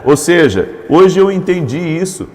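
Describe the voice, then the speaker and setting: A man's voice: fairly high pitch, animated, a little slow, a little mellow, long reverb tail. A man preaching a devotional morning sermon, with repeated emphatic phrases that build into urgent appeals. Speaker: pastor.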